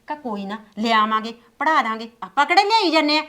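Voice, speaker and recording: A woman acts the role of a stern, middle-aged village matriarch, both mother and mother-in-law, in a village family drama, using a high, sing-song, fast, full character voice. She shifts from gentle coaxing to fierce scolding and threats, caring toward her family but sharp-tongued with her son.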